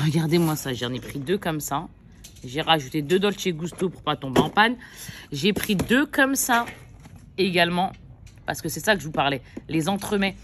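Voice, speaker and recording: A woman's voice: low-pitched, noisy background. Chatty mother rambling through a haul. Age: adult mother. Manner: chatty, rambling, many fillers and self-corrections; addresses viewers directly. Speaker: vlogger. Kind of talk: casual shopping haul chat.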